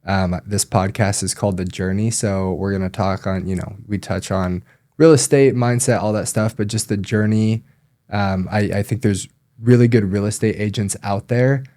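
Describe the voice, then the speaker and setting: A man who works as a loan officer, explaining things in a relaxed podcast chat with frequent ums. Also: lowish voice.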